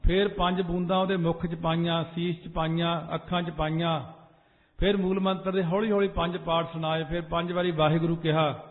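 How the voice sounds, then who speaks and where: A man with a high voice preaches a Sikh sermon to a gathered congregation. He drifts into a sing-song chant and then presses his points with sudden force. The sound is tinny and narrow, as if through a phone, and it rings with a long hall echo. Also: level tone, normal speed. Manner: preaching in a sing-song cadence, rising to urgent emphasis. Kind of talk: sermon with sung phrases. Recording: echoey hall over a tinny phone-like line.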